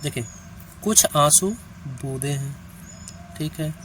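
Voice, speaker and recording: A man with a fairly high voice teaches reasoning online, working through each problem step by step. He counts items aloud and keeps asking whether the listener has understood. Faint traffic sounds can be heard behind him. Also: slow pace, a bit bright. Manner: counts out steps aloud, often checks in with the listener. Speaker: reasoning teacher for competitive exams.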